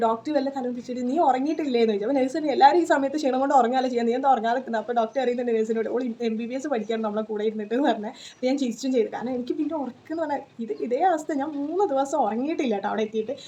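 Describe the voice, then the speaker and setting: A woman's voice: a little high, dark tone, slight background noise. A woman, telling a personal story in a casual vlog, chatty with lots of fillers and "you know" tags. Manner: chatty, tags sentences with 'you know', many fillers. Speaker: vlogger.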